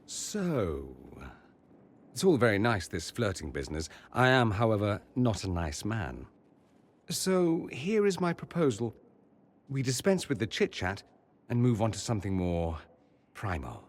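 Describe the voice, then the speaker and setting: Dorian, a low-voiced, sardonic mage. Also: male voice, big pitch swings, a little slow. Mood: flirtatious. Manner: arch, sardonic, theatrical. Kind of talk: video game voice acting.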